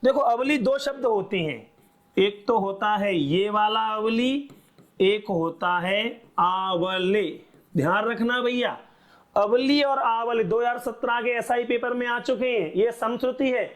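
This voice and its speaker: A man's voice: very high voice, a little slow. A male teacher giving a classroom lecture, asking the class short questions and answering them himself.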